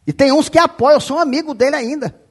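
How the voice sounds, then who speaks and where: A pastor preaching a fiery sermon, shouting and scolding the congregation, often calling them "rapaz". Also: male voice, extremely high pitch, quick pace. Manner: quotes scripture aloud.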